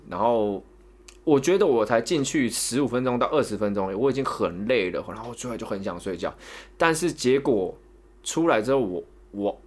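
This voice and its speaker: A young man with a Taiwanese Mandarin accent, casually telling a long story on a podcast, rambling and repeating words as he goes. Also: on the low side. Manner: rambling, repeats words, animated when retelling. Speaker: podcast co-host.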